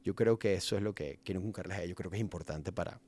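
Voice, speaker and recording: In a casual podcast conversation, a father who is also a musician reflects on fatherhood in a low, slightly mellow voice, talking very fast. Now and then he slips English words into his speech.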